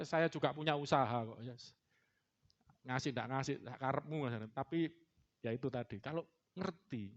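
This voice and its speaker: A male pastor with an East Javanese accent gives a chatty, teasing sermon in a church, slipping in Javanese words. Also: on the high side. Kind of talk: casual joking sermon. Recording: dull lo-fi recording.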